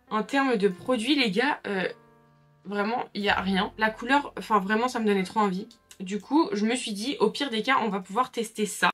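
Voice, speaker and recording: A woman's voice: mid-range voice, fairly bright tone. A young woman chatting casually to her viewers while doing her makeup, full of fillers and asides. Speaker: makeup vlogger. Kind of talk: casual makeup tutorial chat. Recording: faint background music.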